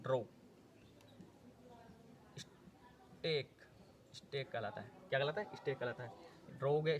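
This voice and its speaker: A man with a somewhat raised pitch teaches an exam-prep lesson. He drills each term by asking a question and answering it himself, stopping often to correct his slips. Faint background noise runs under his voice. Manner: repetitive, asks and answers own questions.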